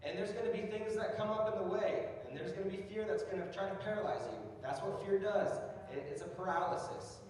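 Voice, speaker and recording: A young man giving a casual, slangy youth sermon, building to loud emphatic peaks. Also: high voice, a little fast, few pauses. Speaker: youth speaker. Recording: distant mic in a very echoey hall.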